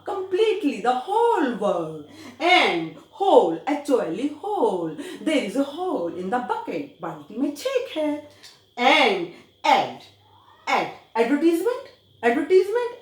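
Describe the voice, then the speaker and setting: A woman teacher with an Indian accent gives a grammar lesson in Hindi and English, switching between the two languages. She explains English words and spells them out letter by letter. Her voice is high and the room is echoey.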